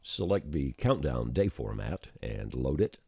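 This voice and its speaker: An extremely deep male voice, dark and slightly husky, guides listeners through a software tutorial one step at a time. His pitch bounces around energetically while his delivery stays informal and plain-spoken. He speaks unhurriedly, and the recording has clean studio sound with no room sound.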